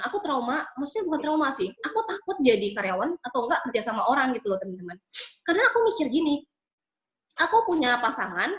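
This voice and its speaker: A woman's voice: fairly high pitch, a bit bright, echoey room, poor audio. A woman in her twenties from Bangka, Indonesia, telling her life story with emotion and many fillers. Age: 20s. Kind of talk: personal testimony talk.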